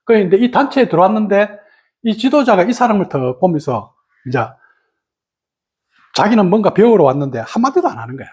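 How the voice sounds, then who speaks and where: A meditation teacher telling a story in a dharma talk, animated and full of fillers. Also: fairly quick, pauses often. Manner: animated storytelling, many fillers, sudden pitch leaps.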